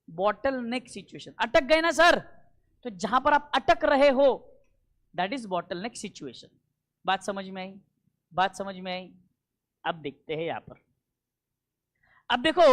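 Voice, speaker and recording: A man teaching a classroom lecture, emphatic and repetitive, often checking that students follow and slowing down for key English terms. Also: very high voice, fairly bright tone. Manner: emphatic, repeats points and keeps checking understanding.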